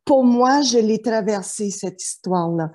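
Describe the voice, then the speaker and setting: Her voice sits on the high side, warm and a little slow. She's a middle-aged therapist from New Brunswick, Canada, telling her life story as an interview guest, hesitating and restarting often amid many fillers.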